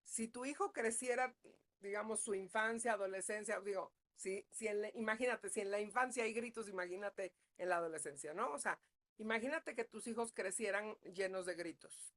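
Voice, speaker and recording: A woman's voice: medium pitch, normal speed, fairly bright tone. A woman psychologist giving a parenting class, talking conversationally and checking in with her listeners often. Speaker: psychologist leading a parenting talk. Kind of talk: live online parenting class.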